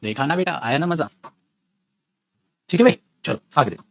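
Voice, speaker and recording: Animated male tutor with lively high voice. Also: normal speed, vocal fry, no room sound. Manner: animated, teasing, calls students beta. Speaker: English grammar teacher. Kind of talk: classroom grammar lesson in Hindi.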